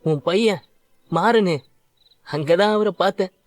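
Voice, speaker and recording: A man's voice: high voice, unhurried, dry recording. A young man voicing a grateful former prisoner speaking earnestly in a dubbed serial, close and dry. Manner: earnest, emotional confession.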